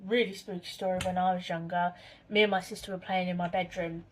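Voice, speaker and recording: A woman's voice: on the low side, level tone, a little fast. A woman, chatting casually to camera in her home kitchen and telling spooky stories in a rambling way. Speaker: vlogger.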